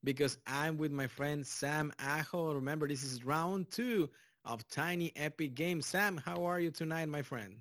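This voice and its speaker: A Mexican podcast host with a Mexican Spanish accent chats casually about board games, rambling with fillers and restarts, and he is loud and drawn-out in the intro. His voice is a little high. The recording is dry, with clean studio sound.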